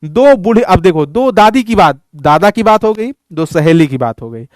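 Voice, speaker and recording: A male teacher chats through a lesson, joking and teasing his students. His voice is high and clear. The sound is dry and close. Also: lively intonation, moderate pace, dry recording. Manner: playful, teasing, asks students questions. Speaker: Hindi teacher. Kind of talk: casual lesson explanation.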